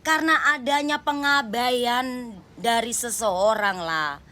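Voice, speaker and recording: A woman's voice: on the high side, slow, bright, forceful tone. A woman giving a general tarot reading, talking straight to the viewer in an emphatic, repetitive way. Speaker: tarot reader.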